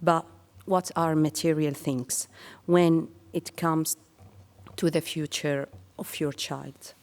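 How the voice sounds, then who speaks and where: A woman from Syria giving a prepared speech to an audience in measured, earnest phrases. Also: deep voice, steady tone, a little mellow, in a large hall. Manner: slow and measured, with earnest pauses. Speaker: speaker sharing her career story.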